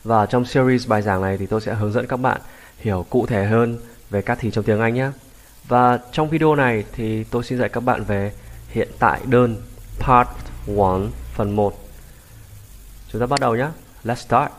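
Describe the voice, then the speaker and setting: A man teaching beginners an English grammar lesson, patiently repeating each English phrase slowly for learners, a native Vietnamese speaker. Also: mid-range voice.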